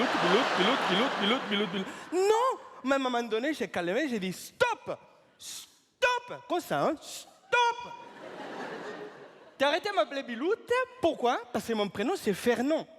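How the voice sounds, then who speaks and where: Fernand, a man doing a rambling muddled storyteller. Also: full character voice. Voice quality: garbles grammar and words. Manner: lively, swooping pitch. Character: rambling, mangled-French male storyteller. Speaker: comedian. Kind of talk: improvised stage comedy sketch.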